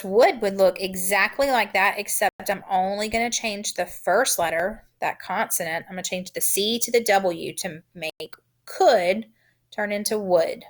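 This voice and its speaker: A woman teaching a phonics lesson, sounding out letters and syllables in a deliberate, encouraging way. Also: mid-range voice, fairly bright tone.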